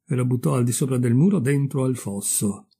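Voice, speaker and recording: A man reading a fairy tale aloud in calm, measured, expressive storybook narration. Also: mid-range voice, gravelly, slightly rough. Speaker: audiobook reader.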